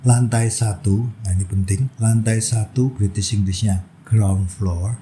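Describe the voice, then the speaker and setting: A man teaching a vocabulary lesson, reading out word pairs one after another in a slow, steady, patient way. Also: fairly low pitch, a little hiss or hum, poor audio. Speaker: English teacher.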